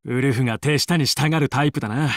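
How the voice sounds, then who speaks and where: A man's voice: mid-range voice, fast talker, dry recording, studio quality, natural voice. A man playing a determined young fox squad leader in a Japanese video game, commanding and earnest in his battle callouts. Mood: focused.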